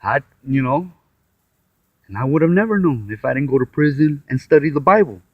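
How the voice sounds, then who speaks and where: A man's voice: medium pitch, expressive, brisk, no room sound. A tired man giving a casual, rambling talk on the Bible, sighing, restarting and acting out quotes as he goes. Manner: meandering, with sighs, restarts and acted-out quotes. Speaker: self-taught Bible commentator. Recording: dull, muffled lo-fi audio.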